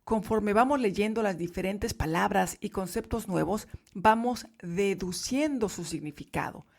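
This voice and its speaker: In a podcast lesson, a woman teaches Spanish to learners, speaking clearly and emphatically. Her voice is mid-range and her pace a little slow.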